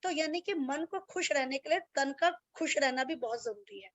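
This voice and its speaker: A woman's voice: sits high, expressive, moderate pace, no room sound. A woman yoga teacher speaking bluntly and plainly to her students over a video call. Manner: blunt and straightforward, self-described strict. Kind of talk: online class talk with students. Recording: dull lo-fi video call audio.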